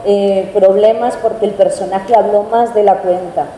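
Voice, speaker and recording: A woman's voice: medium pitch, steady tone, normal speed, warm tone. A woman moderating a panel, courteously putting long questions and rephrasing them as she goes. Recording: echoey hall with faint noise.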